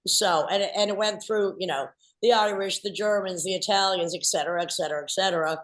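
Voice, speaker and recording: A woman co-hosting a podcast, chatting casually with wry quips and slowing down for punchlines. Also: mid-range voice, steady tone. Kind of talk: casual interview talk.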